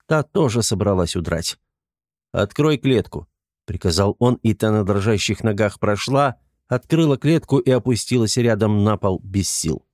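A man narrating an audiobook in an even, measured reading. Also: on the low side, no echo, clean studio sound. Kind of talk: scripted narration.

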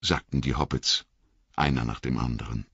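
Very deep, gravelly male narrator. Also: dry recording, muffled recording. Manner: slow, expressive storytelling. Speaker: audiobook reader. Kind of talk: scripted narration.

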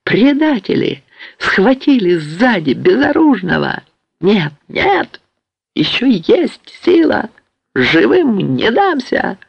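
A feverish young warrior raves and challenges unseen enemies, as a male audiobook reader puts him on. The voice is gravelly and jumps high into wild, hoarse cries. It sounds dull and dry, like a lo-fi recording. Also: expressive, slow, no room sound, exaggerated voice. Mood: raving, defiant. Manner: wild shouting, hoarse broken outbursts. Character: delirious young man, feverish warrior raving.

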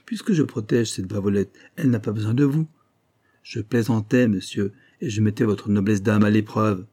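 A man's voice: on the low side, normal speed, warm tone. A man reading an audiobook, voicing a playful, commanding young prince who teases a courtier. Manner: teasing, commanding.

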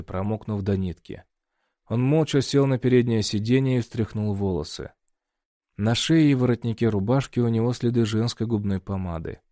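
A man's voice: mid-range voice, warm tone, dry recording. Man reading a novel aloud, dry close sound. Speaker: audiobook narrator. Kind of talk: first-person fiction narration.

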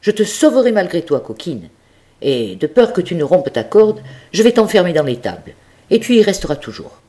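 A woman's voice: on the low side, big pitch swings, normal speed, warm tone, voice pushed up. A woman voicing an old male farmer in a storybook, kindly but anxious, exclaiming and scolding his goat. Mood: exasperated. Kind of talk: storybook character reading.

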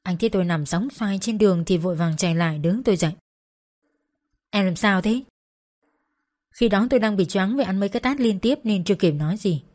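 A woman narrating a first-person audio story in a plain, steady manner. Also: mid-range voice, fast talker, few pauses.

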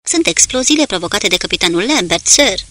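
Urgent sailor guy in a war audiobook, read by a woman, bright and a bit gravelly. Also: medium pitch, animated, no room sound. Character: male sailor calling out in battle.

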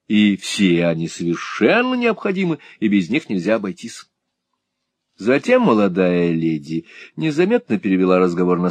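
A man's voice: medium pitch, no room sound. A man narrating a classic novel as an audiobook, telling it expressively. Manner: expressive storytelling.

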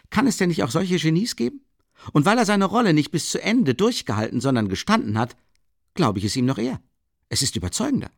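A man reading an excitable young man who rambles and breaks off mid-sentence. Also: on the high side, no echo, studio quality. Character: agitated young man, excitable, talkative friend.

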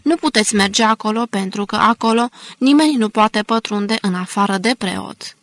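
A woman reading the lines of a calm, firm local man giving orders, in an audiobook. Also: medium pitch, lightly acted.

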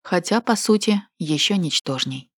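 Woman reading as hurt angry young woman, husky low voice, heated. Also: expressive, normal speed, no room sound, clean studio sound. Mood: indignant. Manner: heated, emotional, accusing. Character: young woman, wounded, indignant, bitter.

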